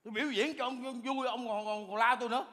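A man's voice: very high voice, fairly even intonation, fast talker, pushed and bright, in a large hall. A male comedian playing a cheeky, reckless motorbike-taxi driver who argues about his fare in a stage sketch. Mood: arguing. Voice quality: brash, argumentative.

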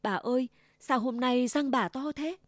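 Cheerful little girl in red, voiced by a woman, raised high pitch, polite and eager, storybook, dry close sound. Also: a little slow, no room sound. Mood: sweet.

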